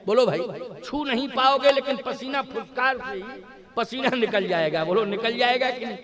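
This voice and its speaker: A man's voice: very high-pitched, moderate pace, a crowd in the background. A man telling a devotional story as a sermon, asking the audience questions. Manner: lively, rhetorical questions to audience. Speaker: religious storyteller. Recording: live audience laughter.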